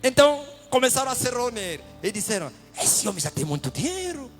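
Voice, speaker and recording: A man preaching a testimony sermon, swinging from loud shouted praise to hushed whispers. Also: very high-pitched, very animated, brisk, soft background music.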